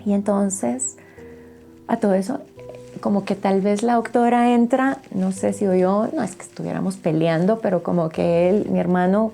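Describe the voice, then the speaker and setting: A woman's voice: mid-range voice, vocal fry, mellow. A woman giving a personal faith testimony, telling her story earnestly and emotionally and often checking in with tag questions. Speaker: testimony guest.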